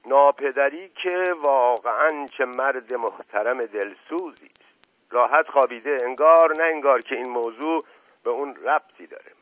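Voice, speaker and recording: A man's voice: medium pitch, fairly bright tone, no echo, pitched above the performer's own voice, natural voice. A man doing a teasing, sarcastic aristocrat. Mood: mocking. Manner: playful, sarcastic, repeats "moment" as a quip. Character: witty middle-aged aristocrat man, teasing and mocking. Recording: tinny narrow-band radio recording.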